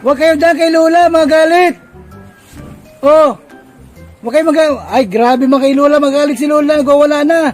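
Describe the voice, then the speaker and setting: A man's voice: very high voice, fairly even intonation, normal speed, pauses often, faint music behind, low-quality recording. A man filming a casual vlog, pleading and coaxing an upset elder with repeated questions. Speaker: relative filming and calming grandmother. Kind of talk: casual handheld vlog chat.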